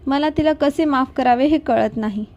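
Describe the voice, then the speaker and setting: A woman's voice: high voice, normal speed, dull audio. A woman reading as a tearful young wife. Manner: hushed, trembling. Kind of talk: storybook reading.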